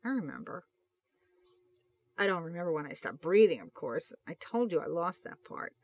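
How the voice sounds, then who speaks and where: Reader voices a hurt, refined male detective who speaks low and raw. Storybook reading. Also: animated, fairly quick. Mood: weary. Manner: quiet, raw, resentful. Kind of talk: audiobook reading of fan fiction.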